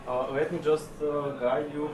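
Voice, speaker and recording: A Serbian conference speaker with a fairly high-pitched male voice gives a technical presentation in a session room. He sounds relaxed and conversational, often pausing on filler words. The distant mic picks up echo and room noise from the hall.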